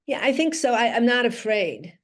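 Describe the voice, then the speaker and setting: Her pitch is fairly high and swings widely, delivered at a normal speed. She's a middle-aged Dutch-speaking physical therapist from Switzerland, talking earnestly from home as a guest in a conversational interview, frequently restarting phrases and leaning on "you know."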